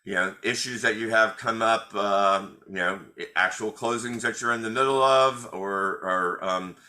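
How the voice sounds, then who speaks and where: Lowish, sharp-toned man hosting a webinar. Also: moderate pace. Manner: hesitant, many fillers and restarts. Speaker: attorney hosting a monthly Q&A webinar. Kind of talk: informal webinar presentation.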